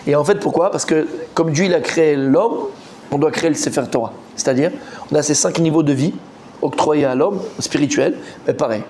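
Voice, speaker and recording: Un homme rabbin qui donne un cours de Talmud animé, interroge ses élèves et répète ses mots en s'emportant. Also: male voice, brisk, a little hiss or hum. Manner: animated, quizzes the students, repeats words, rising pitch when excited. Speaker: rabbi teaching a Talmud class. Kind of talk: lively Torah class.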